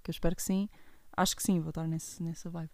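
A woman's voice: fairly low pitch, level tone, fast, a little mellow, dry recording, clean studio sound. A woman of about twenty with a European Portuguese accent, talking casually and slangily as a podcast co-host. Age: around 20. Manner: informal, slangy. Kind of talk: casual chat.

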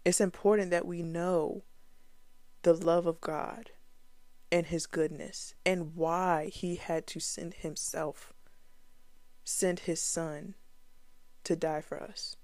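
A woman's voice: fairly low pitch, fairly even intonation, takes it slowly, pauses often, darkish tone, dry recording. A woman giving a casual Bible teaching to her viewers, earnest and conversational, with fillers and restarts along the way.

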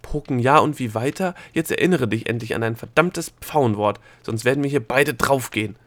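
A man voicing a frantic male gnome in an audiobook, with a croaky voice that cracks when he shouts. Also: mid-range voice, moderate pace, close to an everyday voice. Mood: pleading. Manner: panicky, insulting outbursts. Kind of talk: audiobook character voice.

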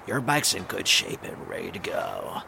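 A man voicing a sly male wizard in a tabletop game, speaking in a drawling, gravelly manner with coy hints. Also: sits low, huge pitch swings, normal speed, noisy background, full character voice.

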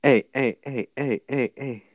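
A woman's voice: a bass voice, unhurried, darkish tone, no room sound. A teenage girl hosting a podcast in a bubbly, slangy way, laughing often. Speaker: podcast host. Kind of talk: casual chat.

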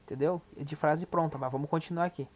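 A man's voice: on the high side, steady tone, fast. A young adult Brazilian man is hosting a casual reaction podcast. He talks in long, rambling stretches, full of emphatic swearing and restarts. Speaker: podcast host.

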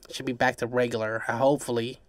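A man's voice: mid-range voice, little pitch movement, racing, dry recording. Man, slightly nasal, easygoing chat, repeats words, dry close sound. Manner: easygoing, stammering restarts. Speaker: podcast co-host. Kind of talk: casual chat.

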